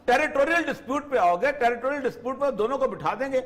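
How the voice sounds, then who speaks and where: A man's voice: very high voice, expressive, fairly bright tone. A man, a political analyst on a studio talk show, talking animatedly and acting out quotes in changed voices. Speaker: political analyst, program's regular guest.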